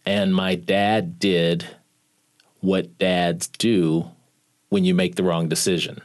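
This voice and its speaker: A man's voice: sits low, flat delivery, slow pace. A man telling a personal story in an interview, now and then quoting his father's words. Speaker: guest recalling his recruitment.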